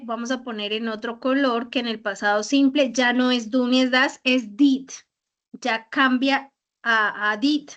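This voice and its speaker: A woman with a high voice teaches English grammar online and walks through verb forms patiently. She leans on repeated examples. The audio is a bit dull and lo-fi. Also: fairly bright tone.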